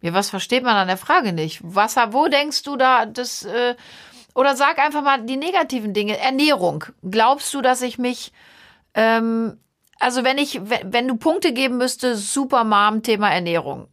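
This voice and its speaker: A middle-aged woman in relaxed podcast conversation, probing and teasing as she pushes for real answers. Her voice sits on the higher side. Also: moderate pace. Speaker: podcast host and mother. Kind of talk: casual podcast chat.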